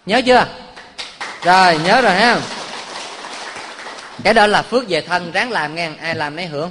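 A monk with a high, bright voice gives a playful dharma talk. He keeps putting questions to his listeners and drifts into funny stories. His voice rings through a large hall with a long reverb. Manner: quizzes the audience, jokes and tells stories. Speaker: Buddhist monk teaching.

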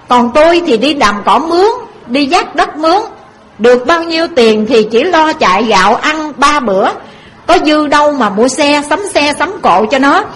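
A woman's voice: high voice, fairly bright tone. A woman voicing a weary, poor farmer father who reasons with his wife. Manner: resigned, reasoning.

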